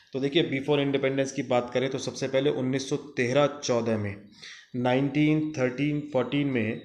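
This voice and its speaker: A man's voice: medium pitch, a little mellow. Guy giving a commerce lecture, repeats dates, asks himself questions, roomy echo. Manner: repeats dates and asks then answers his own questions; mixes English terms into Hindi. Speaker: teacher. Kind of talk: classroom lecture.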